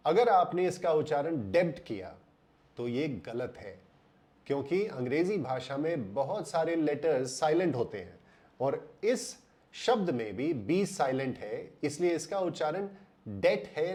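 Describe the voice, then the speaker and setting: An Indian man explaining English pronunciation in a voice-over lesson, slowing down and drawing out words to stress them. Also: a little high, sing-song, a little mellow.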